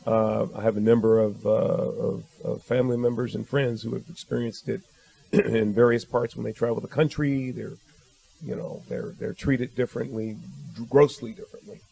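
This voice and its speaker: A man answering questions as a guest on a panel discussion. He speaks in a measured, thoughtful way, with frequent ums and uhs. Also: medium pitch, level tone, vocal fry, dark tone, husky. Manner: measured and thoughtful, with many fillers.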